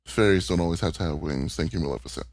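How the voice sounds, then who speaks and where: A man's voice: low-pitched, fast. A man co-hosting a podcast in casual chat, sassy and emphatic. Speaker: podcast co-host.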